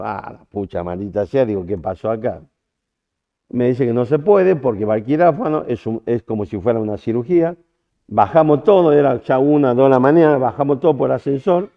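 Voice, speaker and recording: A man with an Argentine accent preaching at a church camp, telling a personal story in a chatty way, full of restarts and acted-out quotes. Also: medium pitch. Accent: Argentine Spanish. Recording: tinny phone-like audio.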